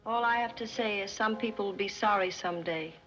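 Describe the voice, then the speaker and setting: An actress as a mopey, melodramatic young heiress. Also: female voice, mid-range voice, brisk, lo-fi sound, close to an everyday voice. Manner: mopey, theatrical, tragic sighing. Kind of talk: 1930s screwball film acting. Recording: old 1930s film soundtrack, music behind.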